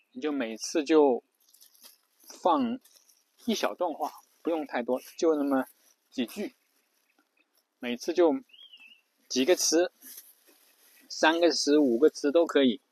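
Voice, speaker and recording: A man's voice: a little high, animated, measured pace, long pauses, breathy edge, low-quality recording. A man giving a casual spoken lesson on pronunciation, repeating himself often, with words. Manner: repetitive, lots of fillers and restarts, spells letters out. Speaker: English pronunciation teacher.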